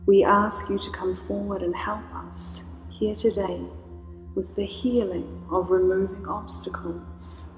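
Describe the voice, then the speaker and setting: Speaking slowly and soothingly, a woman with a mid-range voice leads a meditation, gently invoking healing energies. Her intonation stays level throughout, and a long, spacious reverb surrounds her voice over faint background music.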